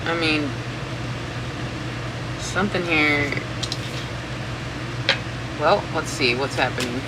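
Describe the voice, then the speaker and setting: A tarot reader who hosts a channel talks slowly in a mid-range voice, rambling informally, thinking aloud and swearing casually. A fan runs steadily in the room throughout the recording.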